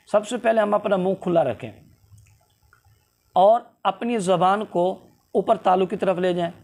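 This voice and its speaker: A man teaching a tajweed lesson, explaining slowly and drawing out letter sounds to demonstrate them. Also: high voice, a little mellow. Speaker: Quran recitation teacher.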